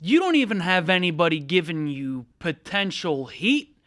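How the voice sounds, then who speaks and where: A man's voice: high-pitched, sing-song, normal speed, fairly bright tone, no echo. A man co-hosting and producing a studio sports talk show, speaking conversationally and often agreeing. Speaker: producer and co-host.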